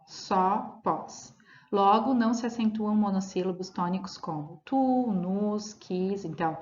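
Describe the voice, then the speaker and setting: A woman teaching grammar at a middle pitch, patiently walking through rules and example words. Her voice sits in a roomy space, and the recording has a dull, slightly lo-fi edge. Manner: explanatory, checks in with "tá?" and "né?", spells out examples slowly. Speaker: Portuguese teacher.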